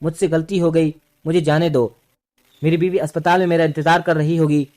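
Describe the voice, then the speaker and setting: A man's voice: fairly high pitch, little pitch movement, a little mellow, natural voice. A man voicing a desperate young husband who begs and pleads in an audio story. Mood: pleading. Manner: begging, pleading.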